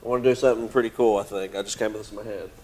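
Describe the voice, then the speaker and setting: A man's voice: lowish voice, fairly even intonation, rapid-fire, darkish tone. Easygoing talk-show host man. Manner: easygoing, teasing banter. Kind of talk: casual sports talk show.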